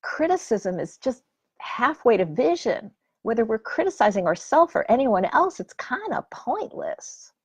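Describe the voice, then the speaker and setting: A woman giving a heartfelt personal talk on emotions, often dropping into soft whispers and then rising to emphatic intensity. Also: a little high, sing-song, measured pace, breathy edge, no echo.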